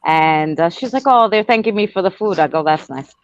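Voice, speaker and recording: Brisk and lively in intonation, a lowish-voiced woman from Queens, New York, talks casually as a guest about her work communicating with spirits, retelling stories and quoting conversations at length. The sound is dull, close and lo-fi.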